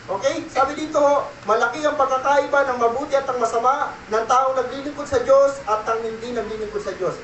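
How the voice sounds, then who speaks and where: A man's voice: very high-pitched, fairly quick, fairly bright tone, a little hiss or hum. A man preaching a sermon as pastor. He checks in with his listeners with a repeated "okay?" and mixes in English phrases. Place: church. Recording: echoey church room, mic at a distance.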